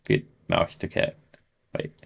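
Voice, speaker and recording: A man reading a horror text game aloud as a gaming host, saying the sound effects out loud as he goes. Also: slow, lo-fi sound. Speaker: gaming YouTuber.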